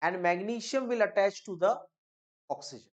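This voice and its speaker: A woman with an Indian accent teaching a chemistry lesson, switching between Hindi and English, explaining step by step, repeating key phrases and checking in with "okay?" and "clear?". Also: mid-range voice, normal speed, muffled recording. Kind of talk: classroom lecture mixing Hindi and English.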